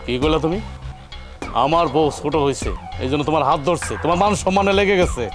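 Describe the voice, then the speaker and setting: Faint music sits behind a man whose voice is on the high side, quick and lightly acted. He's an actor voicing an angry young husband who indignantly scolds his sister-in-law, with a colloquial Bangladeshi Bengali accent.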